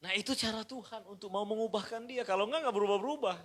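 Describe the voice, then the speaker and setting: A middle-aged man from Indonesia preaching a sermon as pastor at home, moving from quiet asides to shouted praise. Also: high-pitched, quick pace. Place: pastor's house.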